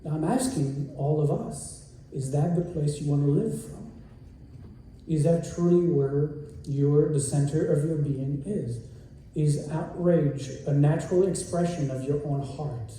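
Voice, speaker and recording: A man delivers a sermon slowly and earnestly, leaning on repeated phrases. His voice is dark and mellow. It is picked up from a distance in a very echoey room. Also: fairly high pitch, slight background noise. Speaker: rabbi, guest speaker.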